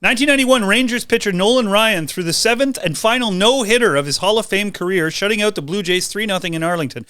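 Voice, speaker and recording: A man's voice: sits high, fast talker, hardly any pauses, pushed and bright, smooth, no room sound. A man co-hosting a casual sports podcast, reading sports trivia and joking around with his co-hosts. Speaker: podcast co-host.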